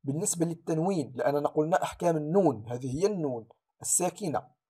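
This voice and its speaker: Man teaching Quran reading rules, mellow voice. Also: a little high, breathy edge. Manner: demonstrates each sound slowly, then contrasts the wrong reading. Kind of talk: explaining tajweed rules to students.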